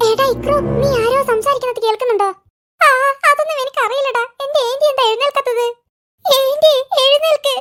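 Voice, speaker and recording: A Malayali-accented voice artist performs skittish, fearful young boys for a cartoon, rattling off lines and wailing when frightened. The pitch is extremely high and the intonation fairly even, with music underneath.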